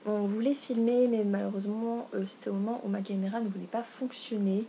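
A young woman chatting casually in a book haul vlog, gushing and excitable, full of fillers and self-corrections. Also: mid-range voice, fairly quick. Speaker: book vlogger. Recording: faint background noise.

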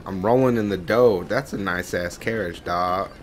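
A man's voice: low-pitched, moderate pace. A young man hosting a let's-play video, chatting casually with rambling, profane commentary. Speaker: gaming channel host.

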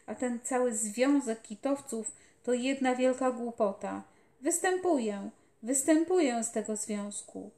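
A woman voicing a small, feverish, delirious boy soldier who shouts loudly in a storybook reading, recorded in an echoey room. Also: a little high, measured pace. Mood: feverish shouting. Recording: roomy echoey home recording.

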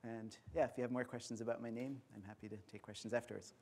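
A man lectures at a conference in an auditorium, his voice mellow and relaxed at a middle pitch. He explains each step in a measured, patient way. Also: slight background noise.

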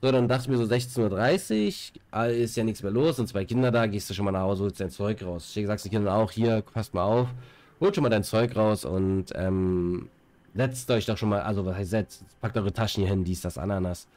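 This streamer has a lowish, slightly mellow voice and speaks fairly quickly. He's a young man with a stuffy nose from a cold, casually chatting on a headset mid-game and rambling with fillers and repeated words.

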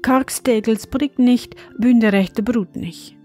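A woman voicing a gentle, humble young maiden who recites little dialect rhymes in a sing-song manner. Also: fairly high pitch, slow pace, soft background music.

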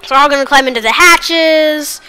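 A woman's voice: high voice, moderate pace, pushed and bright, rough recording. A woman hosting a casual let's-play, chatting in a rambling, self-deprecating way as she plays. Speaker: gaming channel host.

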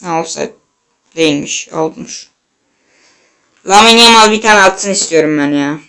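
A young man commentating his own football video game match, excitable and jokey, shouting at his players, with a sore throat. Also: on the high side, measured pace, smooth. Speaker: gaming channel host. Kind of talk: live gameplay commentary.

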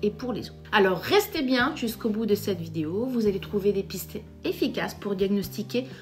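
A woman's voice: medium pitch, animated, moderate pace, soft background music. A middle-aged French woman, a psychotherapist, hosting an emphatic direct-to-camera explainer and addressing viewers directly. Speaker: psychotherapist and YouTube host.

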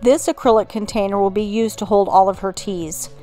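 Calm woman narrating home organizing. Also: mid-range voice, a little fast, faint music behind. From Texas. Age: middle-aged. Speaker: home organizing channel host. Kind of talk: scripted voice-over narration.

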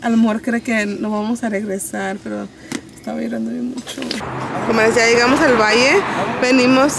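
A woman's voice: on the high side, fairly even intonation, normal speed. A young woman vlogging casually into a phone camera, mixing Spanish and English and getting emotional. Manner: chatty, emotional, switches languages mid-sentence. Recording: phone vlog with clear background noise.

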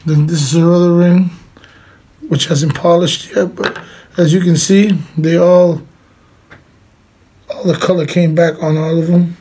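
A middle-aged man with a fairly high, mellow voice speaks in a level tone, a little slowly and with frequent pauses. He talks casually and plainly to camera while giving a hands-on demonstration in a small indoor room with a cloth backdrop. The home recording is clearly noisy.

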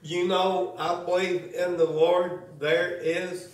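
Folksy church elder, slow and chuckling; higher voice, far from the mic in a roomy church. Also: male voice, little pitch movement. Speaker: closing speaker at a church service. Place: church sanctuary. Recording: echoey church from a distance.

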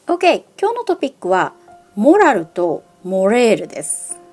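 Middle-aged woman English teacher with a mid-range voice, careful and emphatic delivery, soft music bed. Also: medium pitch. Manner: slow, careful enunciation in English passages; lively, emphatic when stressing sounds. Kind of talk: bilingual pronunciation lesson.

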